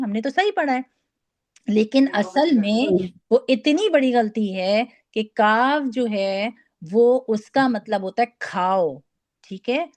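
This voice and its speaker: A woman teaching recitation over a video call, speaking patiently, demonstrating sounds slowly and checking that students follow. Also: on the high side, darkish tone, no echo. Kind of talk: online class lesson.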